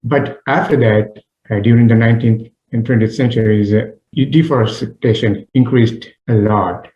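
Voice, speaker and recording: Guy from sri lanka, dark mellow voice, lots of uhs, dull echoey line. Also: mid-range voice, fairly even intonation. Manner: halting, many "uh" pauses. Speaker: interview guest. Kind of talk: remote radio interview. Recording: dull, roomy remote line.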